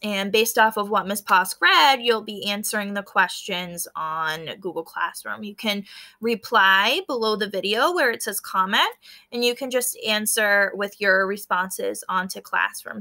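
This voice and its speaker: Reading aloud from a children's book, this schoolteacher talks her pupils through it with teaching commentary. Her medium-pitched voice sounds pushed and bright.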